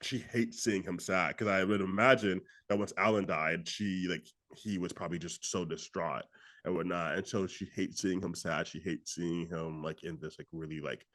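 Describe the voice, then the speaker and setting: A young man with a low voice, speaking at a normal pace, co-hosts a podcast and retells a film scene. His account is casual, animated and rambling, leaning constantly on "like".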